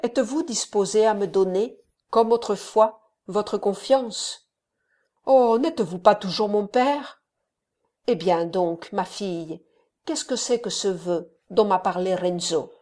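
A woman voicing an elderly kindly male friar who gives gentle, fatherly counsel. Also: medium pitch, takes it slowly, natural voice.

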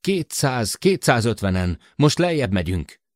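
A man's voice: mid-range voice, sing-song, dry recording, studio quality, pitched above the performer's own voice, natural voice. A man voicing a cocky male helicopter pilot who talks back over the radio. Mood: confident.

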